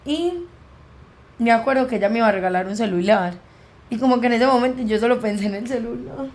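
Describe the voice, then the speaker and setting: Speaking quickly in a higher, somewhat mellow voice, a young Colombian-accented woman shares a personal story as a podcast guest. She brings it to life by performing the dialogue she quotes.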